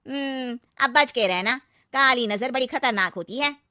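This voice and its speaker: Gossipy older neighbour aunty, played by a woman; high-ish, emphatic, superstitious and knowing, for a family storybook drama. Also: a little slow, sharp tone, no room sound, clean studio sound. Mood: ominous warning. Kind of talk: acted story dialogue.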